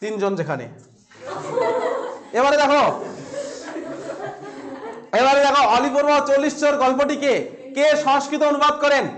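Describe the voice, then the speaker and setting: A male teacher with a West Bengal Bengali accent and a strikingly high voice leads a filmed classroom lesson. He fires questions at his students and repeats each answer for them to remember. He keeps it light with playful asides. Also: normal speed, pauses often, background noise. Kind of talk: classroom exam-prep lesson.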